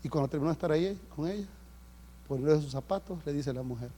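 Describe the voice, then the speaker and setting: Preacher guy, kinda high pitched, goes quiet then booms, storytelling sermon. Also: fast. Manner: animated storytelling, swinging between hushed and loud. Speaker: pastor. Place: church service.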